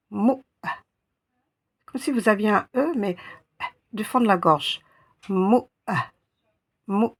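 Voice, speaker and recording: Slow husky woman teaching Arabic letters. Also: fairly low pitch. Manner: patient, repeats sounds syllable by syllable. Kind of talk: slow step-by-step lesson.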